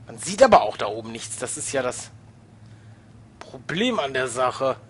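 Excitable German-speaking gamer, jumpy and lively. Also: male voice, medium pitch, moderate pace, a little hiss or hum. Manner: excitable, shrieks when startled, mutters to himself. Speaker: let's play gamer. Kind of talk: live game commentary.

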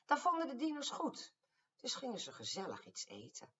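An older woman, a grandmother, reading her own rhyming story aloud to her grandchildren in an affectionate, expressive way. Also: on the high side, moderate pace. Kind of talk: storybook verse narration. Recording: distant, dull lo-fi home recording.

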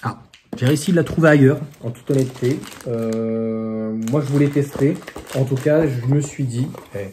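Man, very dark mellow voice, casual product review, hesitant, lots of fillers. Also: mid-range voice, normal speed, a little hiss or hum. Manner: chatty, hesitant, many fillers and restarts. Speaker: electric car vlogger.

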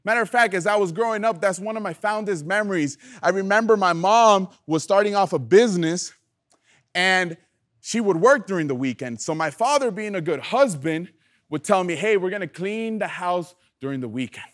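A young man preaching a youth sermon, lively and playful, calling on the audience to answer back. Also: high voice, moderate pace. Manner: animated, playful, calls for audience response. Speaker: youth pastor.

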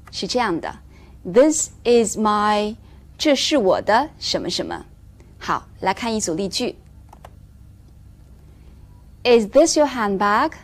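A woman teaching English to Chinese learners in a recorded lesson, explaining clearly and measuredly and slowing down for the English examples. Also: medium pitch, very animated.

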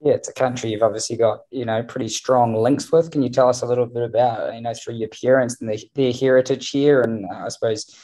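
A man hosts a press conference over a call, framing his questions with hesitant fillers and restarts. His voice is dark and mellow, at an ordinary pitch. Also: steady tone, a little fast, few pauses, poor audio. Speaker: media manager hosting a press conference.

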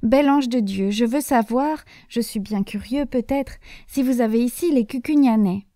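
A woman's voice: fairly high pitch, moderate pace, warm tone, dry recording, clean studio sound, close to an everyday voice. A woman voicing an elderly male village priest, earnest and anxious, who pleads and exclaims.

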